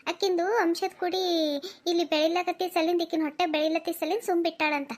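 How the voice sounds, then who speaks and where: A woman voices an enraged middle-aged mother in a cartoon, scolding her in-laws with a North Karnataka Kannada accent and a very high, piercing voice. She fires off sharp rhetorical questions, relentless and indignant. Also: flat delivery, brisk. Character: angry middle-aged mother defending widowed daughter. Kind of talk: cartoon voice acting.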